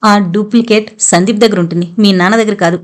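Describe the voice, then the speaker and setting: A woman's voice: mid-range voice, steady tone, quick pace, lightly acted. Audiobook: woman reader doing a commanding, cutting male inspector, blunt orders. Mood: accusing. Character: stern sarcastic male police inspector.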